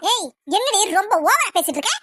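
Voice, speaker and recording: A woman's voice: very high-pitched, very animated, fast, pushed and bright, a little hiss or hum, exaggerated voice. A woman voicing a scheming, melodramatic village mother-in-law in a cartoon, with a southern Tamil village accent. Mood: scolding. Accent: Tamil Nadu southern village. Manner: sweet-talking, melodramatic. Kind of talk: cartoon voice acting.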